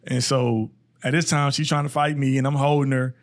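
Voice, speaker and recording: Young adult man, podcast co-host, mid-pitched voice, calm and reflective in casual talk. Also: fairly quick. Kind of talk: casual chat.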